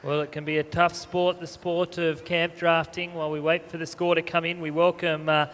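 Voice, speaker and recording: A man's voice: fairly high pitch, little pitch movement, normal speed, fairly bright tone. A man announcing live sport in an arena, giving informative competitor profiles over the public address. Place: large show arena over loudspeakers. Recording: reverberant stadium PA with background noise.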